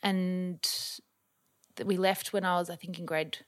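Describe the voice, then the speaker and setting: Woman, Australian accent, young adult, casual interview guest, chatty, filler-heavy, low-ish pitch. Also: level tone, measured pace. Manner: chatty, frequent ums and likes. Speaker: guest, model and influencer.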